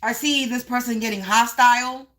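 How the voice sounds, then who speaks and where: A woman with a high, bright voice gives a live psychic reading, describing visions as they arrive in her head. She repeats her phrases and stretches out key words for weight. The voice sits well above most women's and has a sharp, forward edge. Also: fairly even intonation. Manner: unscripted, narrating visions as they come; repeats phrases, drawn-out emphasis. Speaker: psychic reader.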